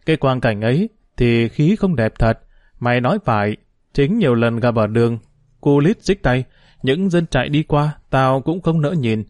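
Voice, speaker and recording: A man voicing a streetwise, quick-tongued street boy in an audiobook, with teasing, lively banter. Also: medium pitch, no room sound, lightly acted.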